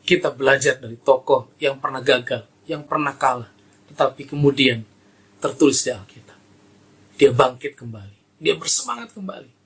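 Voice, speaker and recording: A middle-aged man preaching with a raised, slightly high voice and a husky edge. He drives his sermon forward with emphatic exclamations and keeps turning to address the congregation directly. His tone is bright and forceful. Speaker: pastor.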